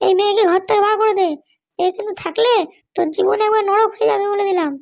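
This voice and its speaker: A woman's voice: very high-pitched, fairly even intonation, quick pace, vocal fry, a little mellow. A woman voicing a scheming, bullying mother-in-law in a cartoon, scolding and hectoring. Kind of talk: cartoon voice acting.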